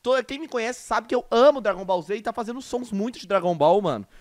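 A Brazilian man hosting a reaction video, chatting casually and bursting into excited exclamations and shouts. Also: high-pitched, quick pace, no echo, clean studio sound.

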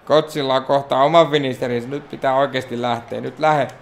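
A man from Finland giving excitable, self-mocking let's play commentary on a wrestling game, talking to the characters on screen. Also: mid-range voice, vocal fry. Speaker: gaming YouTuber.

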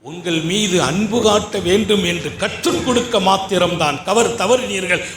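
High-voiced man preaching in an echoey hall. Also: normal speed, slight background noise. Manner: swings between soft storytelling and loud, rising exhortation. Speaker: Islamic preacher. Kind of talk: sermon.

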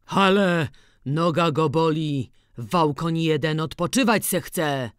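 A woman voicing a furious, domineering old peasant farmer who shouts harsh orders in rural dialect. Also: low-pitched, slow, smooth, no echo, clean studio sound. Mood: gruff commanding.

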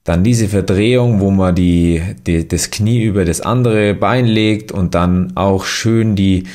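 A young man giving relaxed voice-over instructions for a mobility workout, with many fillers and restarts. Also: deep voice, a little slow. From Germany. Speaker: athlete demonstrating exercises.

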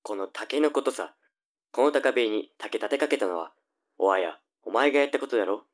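A man's voice: medium pitch, lively intonation, normal speed, lightly acted. A man playing a nagging, flippant young older brother in a tongue-twister audio drama. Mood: accusing.

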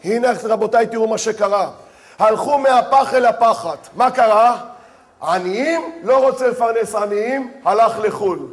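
A man, a rabbi, giving a sermon, speaking straight to his audience and telling the story with dramatic voiced asides. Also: very high voice.

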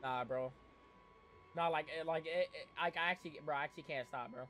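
Pitched on the high side and talking briskly, a young man streams a horror game live against a noisy background. Slangy and repetitive, he keeps making exasperated pleas as he reacts and addresses chat. Frequent throat clearing and a strained tone make him sound like he's losing it.

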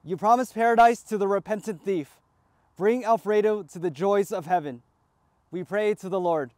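A man, a priest, reciting the prayers of a graveside funeral rite in a measured liturgical cadence. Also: high voice, a little mellow, no room sound.

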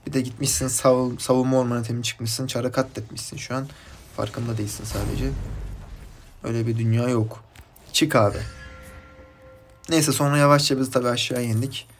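A man from Turkey commenting casually on his mobile game match, chatty and rambling from topic to topic, with bursts of excited shouting at his teammates. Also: mid-range voice, normal speed, pauses often, faint music behind. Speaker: gaming YouTuber.

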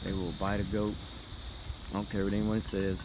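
A man's voice: lowish voice, completely flat delivery, normal speed. A man chatting casually outdoors in a rural pasture, talking to his goats in playful baby talk and to the camera. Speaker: goat keeper vlogger. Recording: loud outdoor background noise, insects. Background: crickets and insects in open country.

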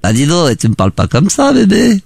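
A man's voice: fairly high pitch, huge pitch swings, brisk, vocal fry, darkish tone, no echo. A young man hosting a radio prank show, teasing and mocking the people he calls and laughing often. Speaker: radio prank-call host. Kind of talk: prank call banter.

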